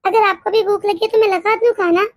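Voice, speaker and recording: Shy tired cartoon daughter-in-law, stammers a lot, really high voice. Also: female voice, fairly even intonation, fairly quick, dry recording. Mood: meek. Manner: meek, hesitant, stammering. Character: timid, exhausted pregnant young daughter-in-law. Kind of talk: animated storybook voice acting.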